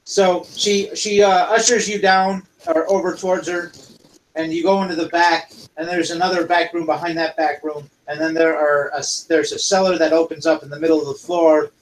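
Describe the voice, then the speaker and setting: A man's voice: a little high, fairly even intonation, moderate pace, a little hiss or hum, poor audio. A man narrating as dungeon master in a casual, rambling way. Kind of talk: narrating a tabletop game.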